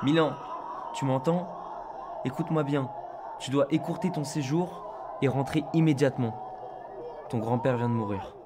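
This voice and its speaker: A man's voice: mid-range voice, normal speed, pauses often, natural voice. A man playing a father making an urgent payphone call to his son in an audio drama, speaking up over the street. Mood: tense, insistent. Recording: noisy street with loud celebrating crowd.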